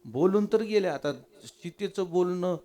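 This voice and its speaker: A man's voice: high-pitched, moderate pace. A man with a Marathi accent preaching a devotional kirtan, telling the story animatedly and voicing its characters. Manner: animated storyteller, acting out dialogue, call-and-response. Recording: live kirtan with tabla and harmonium. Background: tabla and harmonium.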